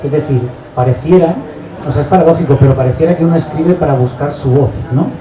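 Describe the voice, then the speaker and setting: A man in his forties from Barcelona with a Spanish accent from Spain, an author presenting his book in a reflective, halting way that often tags sentences with a questioning "no". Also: a little high, crowd noise. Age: 40s. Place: book fair hall. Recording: echoey hall, distant mic, background noise.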